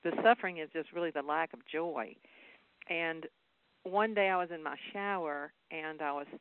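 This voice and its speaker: A woman's voice: low-pitched, normal speed, smooth, dry recording. A woman with a Southern US accent, a guest speaker talking earnestly and laughing easily in a phone interview. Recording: tinny phone line.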